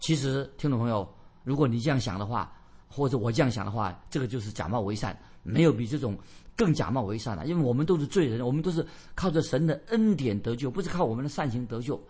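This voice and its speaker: A man's voice: medium pitch, animated, fast talker, mellow, slightly rough. A man preaching a radio sermon, reading scripture verses and then explaining them with repeated phrases and rhetorical questions to his listeners.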